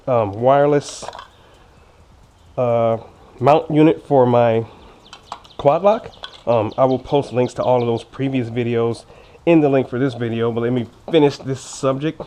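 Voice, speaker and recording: Braces give this man's medium-pitched, mellow voice a slightly impeded quality. Unboxing motorcycle gear for his vlog, he chats casually and informally, joking and poking fun at himself along the way. Clicks and other background noise come through clearly.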